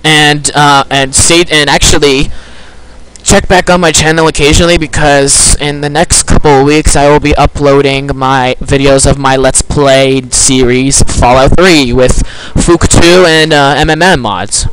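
A man's voice: fairly high pitch, fairly even intonation, measured pace, fairly bright tone, a little hiss or hum, rough recording. A man as guest co-commentator on a let's-play, teasing and blurting out reactions on a home computer mic.

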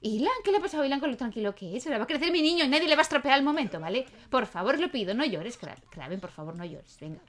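Young woman, casual game commentary, chatty and motherly, a bit high-pitched. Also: expressive, very fast, hardly any pauses. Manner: chatty, talks to game characters like a doting mother. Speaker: gaming video host. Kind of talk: casual Let's Play commentary.

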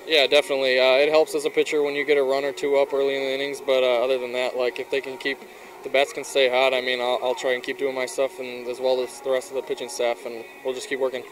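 Casting: young male athlete, monotone and quick, faint outdoor background noise. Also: mid-range voice, rough recording. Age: young adult. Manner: laid-back, plain answers. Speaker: baseball pitcher. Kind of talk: postgame interview. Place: outdoors on a baseball field at dusk. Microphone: reporter's handheld mic.

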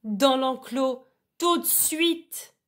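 A woman's voice: on the high side, fairly even intonation, slow, breathy edge, voice pushed up. A woman voicing an eager, bossy young male sheepdog in a children's storybook reading. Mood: bossy shouting. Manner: barked orders, raised voice.

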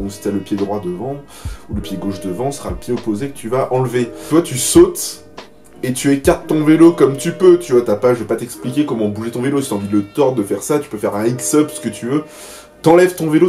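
A young man with a French accent explaining a BMX trick in a loud, chatty casual tutorial from his bedroom. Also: medium pitch. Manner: loud, chatty, addresses viewer as mate.

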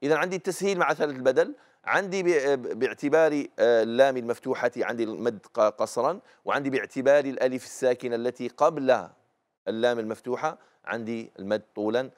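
A man's voice: medium pitch, fast talker. Algerian man patiently teaching recitation rules. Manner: patient, explanatory, repeats key rules. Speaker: Quran recitation teacher and host. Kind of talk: live TV lesson on recitation rules, taking calls.

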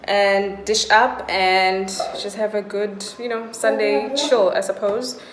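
A woman's voice: medium pitch, slow pace, echoey room, heavy background noise. A woman in her thirties with a South African accent, chatting casually to camera in her home kitchen as a mother vlogger. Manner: relaxed, chatty, talks to her toddler in between. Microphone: phone camera at arm's length.

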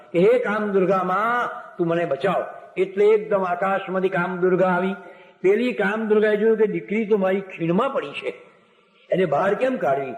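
A man's voice: sits high, a little mellow. A man telling devotional stories as a sermon, narrating old myths, voicing the characters and breaking into sung verses. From Gujarat, India. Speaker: religious storyteller. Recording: echoey hall recording.

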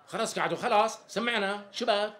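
An actor with a Syrian accent playing a flattering tailor who talks around the price in flowery sales patter. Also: male voice, high voice, quick pace. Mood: coaxing. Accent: Syrian Arabic. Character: smooth-talking flattering tailor who dodges naming a price. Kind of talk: TV sketch comedy acting.

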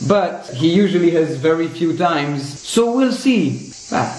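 A young man with a fairly high voice hosts a casual vlog. He talks to the camera and asks curious questions as he films in a kitchen. Music plays behind him. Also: lively intonation, a little slow, poor audio. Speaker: vlogger. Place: restaurant kitchen, indoors.

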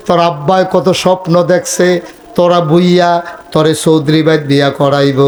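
A male preacher, telling a humorous village sermon with acted dialogue and sudden high shouts.

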